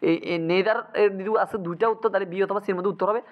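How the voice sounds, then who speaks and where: A man teaching English grammar for exam prep, often pausing to ask his students if it is clear. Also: high-pitched, steady tone, lo-fi sound. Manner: keeps checking students understand with quick asks.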